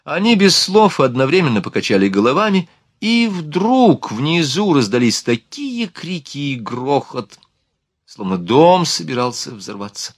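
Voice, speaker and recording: A man narrating an audiobook in a steady, expressive reading. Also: a little high, a little slow, breathy edge, no room sound, clean studio sound. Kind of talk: scripted narration.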